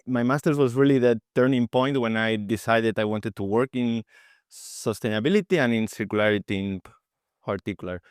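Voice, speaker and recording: A Spanish researcher in his thirties answers podcast interview questions as a guest, hesitating often, repeating words and restarting. His lowish voice is smooth and a little mellow. The studio sound is clean, with no room sound.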